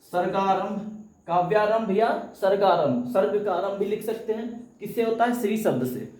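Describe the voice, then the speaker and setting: A man teaching a live coaching class, with a high voice and an echoey room around him. He puts a question to his listeners and answers it himself, and at times he chants verses in a recitation tone. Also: normal speed, darkish tone. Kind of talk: live online exam-coaching lesson.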